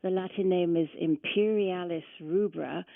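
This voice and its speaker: A woman's voice: fairly low pitch, fairly even intonation, measured pace, vocal fry, dry recording. A woman calling in to a radio show over the phone, politely and carefully asking an expert her question. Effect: phone line caller. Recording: tinny phone line.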